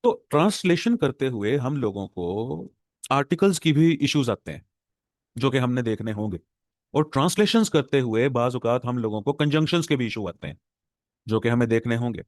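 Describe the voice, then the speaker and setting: A man with a Pakistani Urdu accent lecturing a class of exam students on translation, explaining patiently and repeating words slowly to drill them. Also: mid-range voice, lively intonation, no echo, clean studio sound. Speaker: English professor lecturing exam aspirants.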